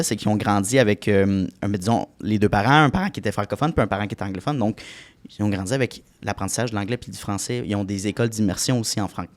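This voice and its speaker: A man with a Québécois French accent who hosts a podcast interview, chatty and full of fillers. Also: fairly low pitch. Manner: chatty, many fillers and restarts. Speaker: podcast host.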